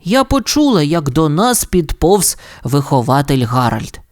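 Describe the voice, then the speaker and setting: A man narrating a children's audiobook story in an expressive, playful way. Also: a little high, measured pace. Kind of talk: audiobook fairy tale narration.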